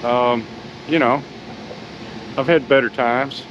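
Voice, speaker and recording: A man's voice: mid-range voice, fairly even intonation, takes it slowly, a bit bright, highs cut off, a little hiss or hum. An older man with a Southern US accent, a sawmill owner narrating his work video in a wry, grumbling, folksy way.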